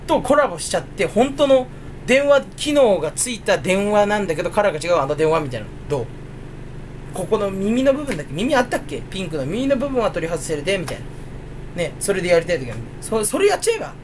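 A man records a casual unboxing chat for his channel, rambling along and answering his own jokes. His voice sits a little high and swings widely in pitch. He rattles on at a brisk clip. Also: very animated, noisy background. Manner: rambling, jokey, talks to himself. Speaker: video creator.

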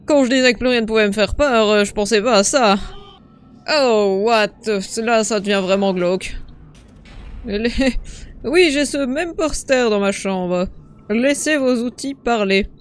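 A man's voice: high-pitched, unhurried, smooth. A man giving comedic in-character commentary on a horror game playthrough, sarcastic, crude and boastful. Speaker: gamer narrating a parody playthrough in character.

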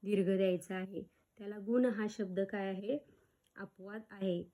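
A woman teacher with a medium-pitched, warm voice and fairly even intonation teaches grammar to schoolchildren. She drills slowly, sounding out words syllable by syllable, and keeps putting questions back to the class.

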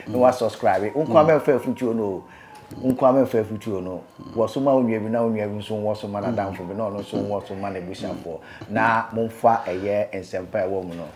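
Young Ghanaian interview host. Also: male voice, on the low side. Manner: encouraging, brief affirmations. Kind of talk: casual interview hosting, mixing English and Twi. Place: indoor living room, seated on sofa.

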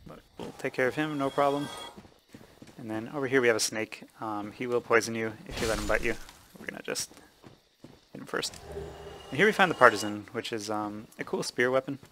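A man hosting a let's play, explaining the game casually with many fillers and pauses. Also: medium pitch, noisy background. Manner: relaxed, explaining with many ums and uhs. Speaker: gaming channel host.

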